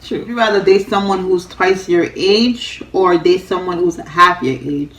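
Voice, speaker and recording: A woman's voice: on the low side, normal speed. A young Jamaican woman chatting casually in a vlog, blunt and outspoken. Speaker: vlogger. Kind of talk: casual chat. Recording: roomy echo.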